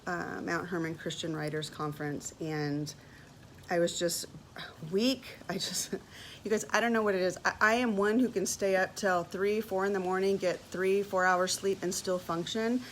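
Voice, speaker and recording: A woman's voice: lowish voice, moderate pace, a little hiss or hum, low-quality recording. Emotional woman in her fifties telling a story. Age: 50s. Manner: animated, emotional storytelling with repeated words. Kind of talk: personal testimony vlog.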